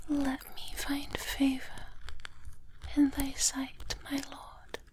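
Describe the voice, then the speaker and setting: Slow whispering woman, layered ASMR reading. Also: sits high. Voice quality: breathy unvoiced whisper. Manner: slow, hushed, even delivery. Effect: doubled with layered whispers. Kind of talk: soft ASMR scripture reading.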